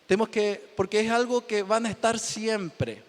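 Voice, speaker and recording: A pastor from Chile preaching a humorous sermon from the pulpit, joking, laughing often and repeating himself for emphasis. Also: male voice, high voice, normal speed. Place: church pulpit. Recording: reverberant church hall.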